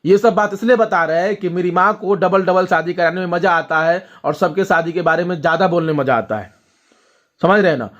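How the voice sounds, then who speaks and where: A young man talks to the camera and tells a long family story. His voice sits a little high, and the recording is dull and lo-fi. He keeps checking in with his viewers as he goes. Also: a little fast, a bit bright. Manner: storytelling, addresses viewers directly with frequent "ठीक है?". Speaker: vlogger. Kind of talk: casual talk to camera.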